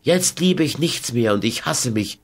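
A man's voice: medium pitch, expressive, unhurried. A man reading an audiobook, voicing a proud, defiant young woman who speaks coldly and will not yield. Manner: cold, resolute, unyielding. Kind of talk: audiobook character voice.

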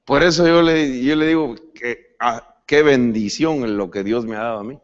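A male pastor preaching a sermon, speaking to the congregation as brother and often repeating and restarting words as he goes. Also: normal speed. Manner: lively pitch swings, rising to sudden emphatic peaks. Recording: dull lo-fi church recording.

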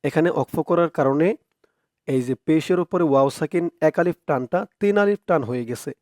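A man teaching Quran recitation word by word, stretching out the recited syllables and then explaining quickly in a softer voice. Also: on the high side, dry recording, clean studio sound. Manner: slow, drawn-out recitation alternating with quick spoken explanation.

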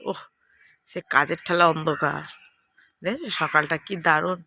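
A middle-aged woman vlogging from her home kitchen in the early morning. She talks quietly to her viewers on a handheld phone so she won't wake the house. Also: sits low, moderate pace, gravelly. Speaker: family vlogger. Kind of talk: casual vlog chat to viewers.

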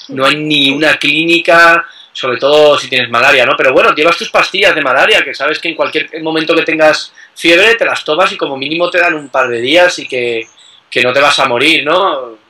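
A man chatting casually as a guest about travel, relaxed, with many fillers and tag questions. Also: medium pitch, rough recording. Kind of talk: casual conversation.

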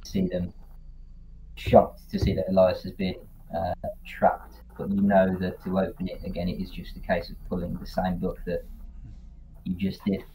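A man's voice: low-pitched, monotone, moderate pace, warm tone. A man narrating a tabletop game as game master, describing scenes steadily with fillers. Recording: tinny voice-chat audio, faint noise.

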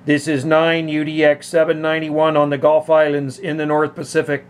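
A man's voice: on the high side, completely flat delivery, normal speed, smooth. A man working as an amateur radio operator, calling out on ham radio and repeating his call sign in the clipped words of radio procedure. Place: island off the west coast of Canada.

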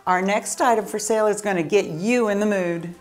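A woman playing a shopping channel host in a comedy sketch, giving a bright sales pitch and getting flustered when she corrects her guest. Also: fairly quick.

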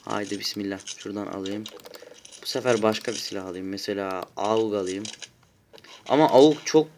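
Excitable swearing man yelling over gameplay. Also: lowish voice, moderate pace, slight background noise. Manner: shouty, excitable, swears a lot. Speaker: gaming YouTuber. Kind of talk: loud gameplay commentary. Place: at home.

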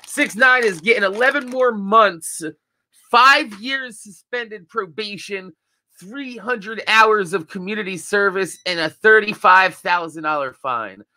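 A man's voice: high voice, measured pace, bright, forceful tone, dry recording. A young man with a groggy morning voice, chatting casually to his live-stream viewers in a laid-back, rambling way with plenty of swearing. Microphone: desk mic.

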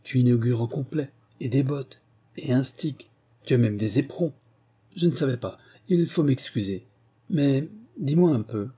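A man reading an audiobook and voicing a clever, confident young Parisian woman who plays detective, in a brisk, teasing manner. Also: medium pitch, dark tone, husky, pitched above the performer's own voice, lightly acted. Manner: brisk, teasing, deducing aloud.

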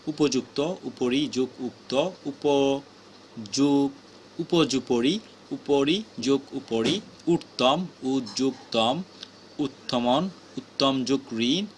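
Slow man reading a grammar list. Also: mid-range voice, fairly bright tone, slight background noise. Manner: slow, measured drilling of word pairs. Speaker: teacher.

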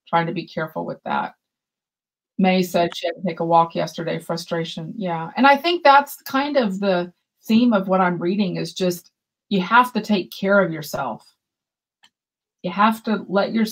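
Over a webcam video call, a fifty-something woman with a lowish voice helps host a yarn shop's livestream, keeping the chat casual and reading out comments from viewers. The sound is poor, and yarn-stacked shelves fill the room behind her.

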